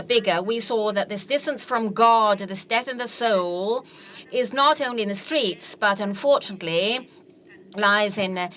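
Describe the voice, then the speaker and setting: A woman giving an earnest religious testimony in a talk, speaking haltingly with frequent hesitant pauses. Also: mid-range voice, a bit bright.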